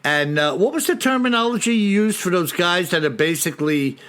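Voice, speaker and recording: A man's voice: high voice, animated, fairly quick, a bit bright. An American man co-hosting a casual podcast, laid-back, answering with short agreements and dry jokes. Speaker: podcast co-host.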